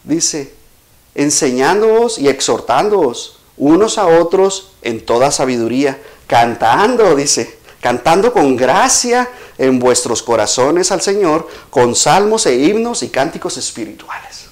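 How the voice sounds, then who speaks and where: Earnest, fairly high-voiced preacher man. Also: sing-song, measured pace. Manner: earnest, exhorting, varies pace and emphasis. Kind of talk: sermon.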